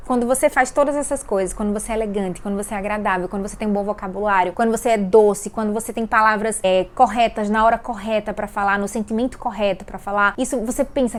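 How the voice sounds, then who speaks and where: A woman with a Brazilian accent giving casual, chatty etiquette advice straight to camera, animated and full of rhetorical questions. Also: medium pitch. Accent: Brazilian Portuguese. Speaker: lifestyle video host.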